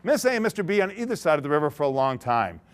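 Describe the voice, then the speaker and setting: A high-pitched male speaker with a bouncy, swooping delivery tells a story on stage to a conference crowd. He acts out the characters as he goes and breaks into laughter. His tone stays playful and engaging. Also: very animated, racing. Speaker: keynote speaker. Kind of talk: interactive storytelling talk to an audience. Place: large conference hall.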